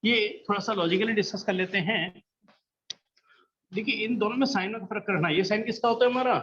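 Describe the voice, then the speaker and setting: High-voiced patient male math teacher. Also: a little fast, fairly bright tone, highs cut off, slight background noise. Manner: patient, coaxing, checks understanding often. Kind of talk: classroom lesson. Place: classroom.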